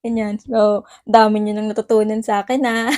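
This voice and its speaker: A woman hosting a casual language lesson vlog, laughing often and repeating words slowly. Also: mid-range voice, level tone, mellow, no room sound, clean studio sound. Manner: cheerful, laughs often, slow repetition of words. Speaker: vlogger teaching Ilonggo phrases.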